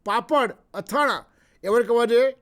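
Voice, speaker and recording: A man with a Gujarati accent giving a health lecture, unhurried and repetitive, pausing often with fillers. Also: very high voice, a bit bright. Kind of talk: health talk mixing Gujarati and English.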